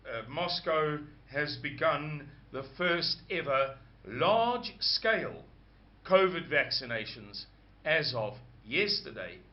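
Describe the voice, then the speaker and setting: A man with a croaky voice, hosting a rambling casual monologue and stopping to search for words. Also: medium pitch. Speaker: host. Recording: dull lo-fi sound.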